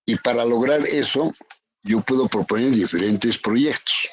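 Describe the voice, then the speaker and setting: A man's voice: mid-range voice, unhurried, slight background noise. A man from Peru, a university economics professor teaching a virtual class, who repeats his definitions and keeps asking "no?" and "ya?" of his students. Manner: calls on students by name, repeats definitions with tag questions. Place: home, online class. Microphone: computer mic on a video call.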